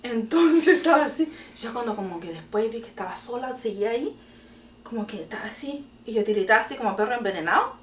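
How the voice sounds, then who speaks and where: A middle-aged woman with a Chilean accent, telling a story to her daughter in casual chat, animated and laughing often. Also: on the high side, quick pace, distant mic, slight background noise. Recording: echoey room, voice from off the mic.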